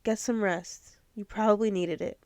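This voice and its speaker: A young podcast host talks in a medium-pitched, darkish voice with a steady tone and normal speed, free of echo. Her casual motivational talk is earnest, emotional, and at times close to tears.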